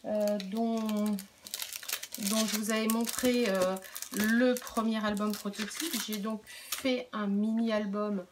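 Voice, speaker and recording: A woman's voice: medium pitch, flat delivery, slow pace. A middle-aged woman casually showing her craft purchases in a vlog, talking in a chatty, hesitant way with many fillers and restarts. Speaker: crafting vlogger and product demonstrator. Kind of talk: casual show-and-tell vlog. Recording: faint background noise and clicks.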